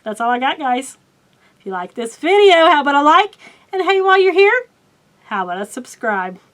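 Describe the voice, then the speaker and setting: A talkative middle-aged woman with a strong Oklahoma accent, her voice sitting high. She rambles in a loose, friendly way, full of ums and little laughs at her own expense, like a book vlogger talking straight to her viewers. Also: big pitch swings, moderate pace, a bit bright. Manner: chatty, rambling with many fillers, laughs at herself. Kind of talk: casual chat.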